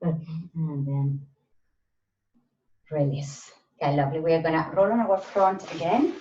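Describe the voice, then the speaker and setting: A woman's voice: deep voice, moderate pace, mellow. A woman instructing a live Pilates class, counting breaths and movements aloud in short, spaced cues. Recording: roomy echo, distant mic, slightly dull sound.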